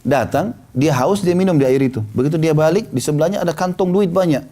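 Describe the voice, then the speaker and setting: A middle-aged man preaching, telling a story and acting out the voices of the people in it. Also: quick pace. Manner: lively storyteller acting out quoted voices, pitch rising and falling. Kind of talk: storytelling sermon.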